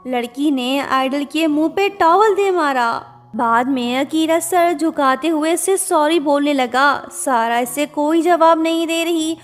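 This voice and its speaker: High-voiced woman recapping a drama. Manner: conversational, mixes English words into Hindi. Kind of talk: casual storytelling narration. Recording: reverberant with background music.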